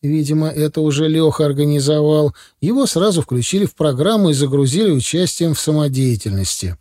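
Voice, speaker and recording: A man narrating a first-person audiobook in a lively storytelling manner, acting out the dialogue. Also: a little high, brisk.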